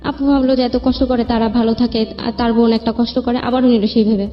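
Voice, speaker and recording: Talking quickly and flatly, a young Bangladeshi-accented woman with a fairly high voice rambles casually about her own life during an interview. Background music runs beneath the dull, muffled lo-fi recording.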